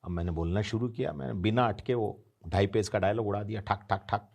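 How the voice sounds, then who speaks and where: Guy in his 50s telling an interview story, lowish voice, acts out everyone he quotes. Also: brisk, creaky, a little mellow, muffled recording. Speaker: interview guest. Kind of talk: storytelling anecdote.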